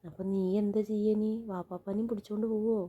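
A woman chatting gently with a small child at home, coaxing and reassuring in a calm, patient way. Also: mid-range voice, quick pace, slightly rough, lo-fi sound. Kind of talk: casual chat with a small child.

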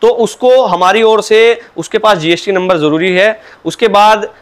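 A man's voice: high voice, normal speed. A man explaining his products in an interview, patient and salesman-like, starting his answers with a polite "sir, look". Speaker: cow mat dealer.

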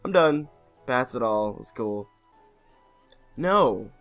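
A man's voice: mid-range voice, lively intonation, slow pace, fairly bright tone, faint music behind. A man giving comedic commentary while playing a game, sarcastic and profane.

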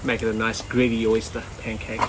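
A man with a fairly low voice talks fairly fast while cooking outdoors for his vlog, in a garden kitchen and on a rocky bay shore. His casual commentary is relaxed and chatty, sprinkled with frequent ums. A camera mic at medium distance records it, with loud ambient noise in the background.

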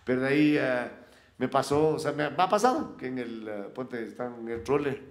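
Lively man telling stories. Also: medium pitch, brisk. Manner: lively storyteller, slangy, animated asides. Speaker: podcast guest, psychologist and broadcaster. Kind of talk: casual conversation. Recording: roomy echo.

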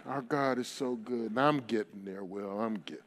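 A man's voice: mid-range voice, moderate pace, noisy background. A man preaching a sermon at a live worship night, building in fervent, repeating bursts. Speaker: pastor.

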